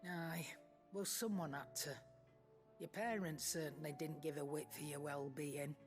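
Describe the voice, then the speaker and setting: Gruff old shopkeeper nan, blunt and shrewd, video game, some music under. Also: female voice, low-pitched, fairly even intonation, a little slow. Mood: gruff affection. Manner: blunt, folksy, no-nonsense. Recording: music behind the voice.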